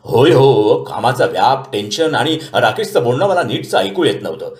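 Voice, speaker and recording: A harried middle-aged office manager, voiced by a male storyteller. He talks in a businesslike way, mixing in English phrases, with an animated rise and fall in his pitch. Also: moderate pace, reverberant, natural voice.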